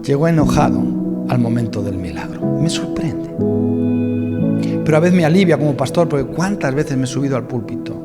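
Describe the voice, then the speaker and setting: A pastor, preaching a sermon in a lively way that speaks directly to his congregation with questions and jokes. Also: mid-range voice, brisk, long reverb tail, over loud music. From Spain. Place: church hall.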